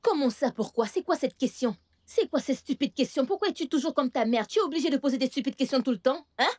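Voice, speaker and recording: A stern, bossy aunt. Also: female voice, a little high, expressive, moderate pace, dark tone. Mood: scolding. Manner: scolding and impatient. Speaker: aunt of a young girl. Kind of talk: French dub of a Nigerian film.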